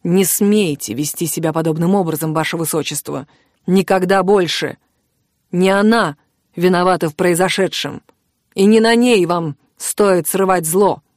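A woman voicing a stern male royal adviser who scolds in a lowered, restrained tone. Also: moderate pace, darkish tone, no room sound, studio quality, lightly acted. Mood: stern anger. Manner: low, restrained anger.

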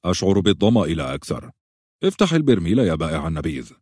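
A man's voice: sits low, big pitch swings, very fast, no room sound, studio quality. A man as a stern, curt knight. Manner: curt, sharp commands. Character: stern, protective older male knight, curt and gruff.

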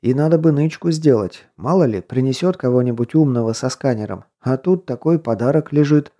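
Jokey, slangy miner buddy who likes to philosophize, darkish mellow voice; a male narrator does him. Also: medium pitch, brisk, lightly acted. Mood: scheming. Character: easygoing joking male miner buddy, father of twins. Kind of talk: audiobook character voice.

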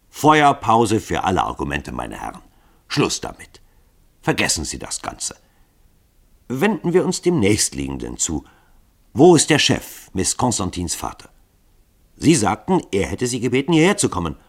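A man's voice: on the low side, breathy edge, heavily acted. A man doing a brusque commanding man.

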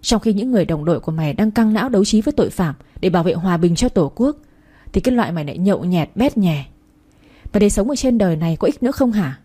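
A woman voicing a stern, hot-tempered older father who scolds and barks orders, with a husky, dark voice. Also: mid-range voice, expressive, fast. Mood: scolding.

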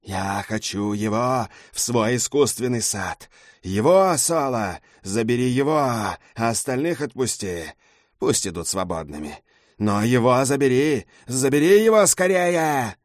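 A man's voice: medium pitch, animated, unhurried, no room sound, studio quality, natural voice. A man voicing a ravenous female harpy in an audiobook, who shrieks and then hisses in a whisper. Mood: shrieking demand. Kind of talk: audiobook character voice.

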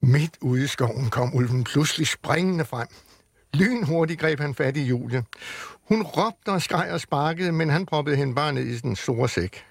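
A man on the radio, reading a children's book aloud with lively storytelling in a studio. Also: on the high side, creaky, husky, no room sound. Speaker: radio reader.

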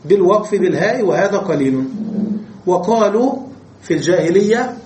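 A man's voice: high voice, expressive, fairly quick, darkish tone. A man teaching Arabic grammar in a classroom lesson. He explains step by step and asks his students rhetorical questions. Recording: echoey room with faint noise.

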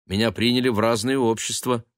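A man's voice: mid-range voice, steady tone, brisk, dry recording, clean studio sound, close to an everyday voice. A man as an eager young student. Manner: earnest, eager.

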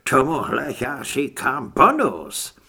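A man's voice: mid-range voice, huge pitch swings, creaky, sharp tone, husky, heavily acted. A man voicing a gloating male necromancer who speaks through a dying cultist, mocking and sneering.

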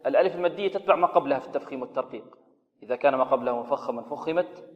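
A man teaching the rules of Quran recitation. He poses questions, answers them himself, and slowly intones sample verses to show the sounds. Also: medium pitch, big-room sound, lo-fi sound. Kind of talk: tajweed lesson on radio.

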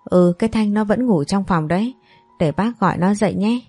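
A woman's voice: medium pitch, normal speed, darkish tone, husky, no room sound, faint music behind, lightly acted. A woman voicing a kindly, fussing older woman in a family story. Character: kindly old grandmotherly woman.

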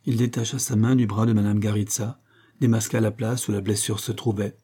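A man reading a novel aloud as an audiobook, telling the story in a measured, even way. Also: lowish voice, breathy edge. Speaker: audiobook reader. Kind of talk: scripted narration of a novel.

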